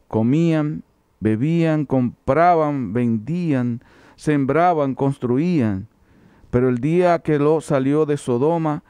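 Slow, solemn older priest. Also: male voice, a little high, a little mellow, clean tone, no echo. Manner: slow, solemn liturgical reading. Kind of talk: reading the Gospel at Mass. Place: chapel, at a lectern. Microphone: stand mic at lectern.

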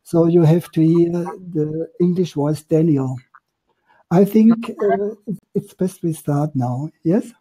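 A man, hoarse at the moment, talking in a halting, good-humoured way on a video call. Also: on the high side, warm tone, rough recording. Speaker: guest presenter. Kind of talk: casual chat.

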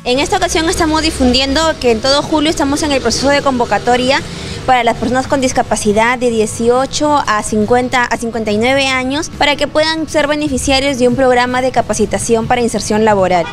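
A woman's voice: high voice, over music. A young woman with a Peruvian Spanish accent, interviewed on camera with a handheld mic, explaining a program step by step. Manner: informative, slows to read out phone numbers. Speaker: program coordinator. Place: indoors in front of a station logo wall. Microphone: handheld station mic.

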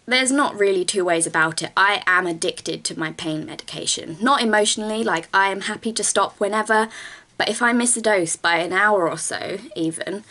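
A young adult woman vlogs casually while doing her makeup in a small bedroom with bookshelves, sitting close to the camera. Her lowish voice is a bit croaky this morning, and she's chatty and rambling, with lots of ums and mid-sentence self-corrections.

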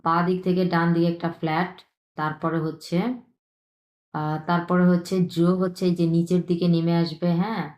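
Patient teacher woman, low voice, echoey room. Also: little pitch movement, a little fast, a little mellow, highs cut off. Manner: patient, repetitive, checks in with frequent tag questions. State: ill with a cough. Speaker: Chinese language teacher. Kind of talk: online lesson, explaining stroke by stroke.

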